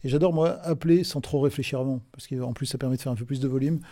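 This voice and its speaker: A man's voice: mid-range voice, steady tone, fast talker, dark tone, no room sound, clean studio sound. A middle-aged man talking as a podcast guest in a casual interview, informal and hesitant, with many fillers and restarts. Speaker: podcast guest, recruitment firm director.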